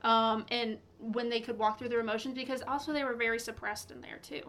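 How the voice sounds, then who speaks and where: A young woman with a fairly high, very bright voice speaks as a podcast guest. She tells personal stories casually, in emphatic, colloquial phrasing peppered with "like". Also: little pitch movement, brisk. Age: young adult.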